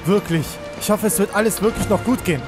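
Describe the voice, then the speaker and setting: A casual let's player with a mid-range voice comments on a video game. They react aloud and chat to viewers, with game music clearly behind. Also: medium pitch, fast.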